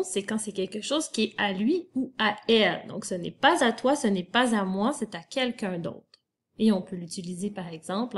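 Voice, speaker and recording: A woman gives a children's spelling lesson, spelling each word letter by letter. She speaks very slowly and patiently, in a mid-pitched voice. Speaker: teacher.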